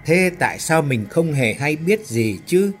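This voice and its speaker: A man's voice: on the high side, big pitch swings, a little slow, soft background music. A man voicing a frightened, confused young male worker who stammers and cries out in panic.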